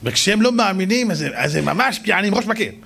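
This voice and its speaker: A middle-aged man, a rabbi, telling stories in a lively sermon and acting out the people in them. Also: sits high, vocal fry, husky. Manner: animated, acts out shouting voices, jokes with audience. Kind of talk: storytelling sermon.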